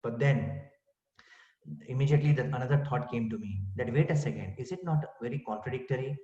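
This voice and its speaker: A man's voice: medium pitch, brisk, mellow. A man giving an inspirational spiritual talk, asking rhetorical questions and saying "you know" often. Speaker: spiritual speaker. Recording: dull far-off roomy recording.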